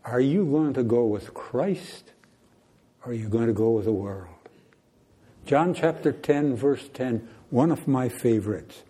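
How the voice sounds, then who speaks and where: An older man preaching slowly and deliberately in a church, his voice husky and mellow. He presses his points with earnest, rising questions. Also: mid-range voice, animated. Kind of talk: sermon.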